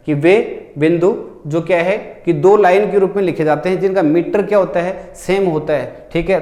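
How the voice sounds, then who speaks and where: A male tutor, speaking in a fairly high voice. He asks his listeners questions and then answers them himself, and he reads English quiz lines out slowly, one word at a time. The room around him is echoey. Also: a little mellow. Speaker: teacher. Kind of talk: exam-prep lecture.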